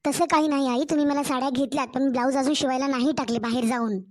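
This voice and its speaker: A woman's voice: high-pitched, steady tone, quick pace, natural voice. A woman voicing a mild, apologetic young newly married daughter-in-law in a cartoon story, with a Marathwada Marathi accent. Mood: meek.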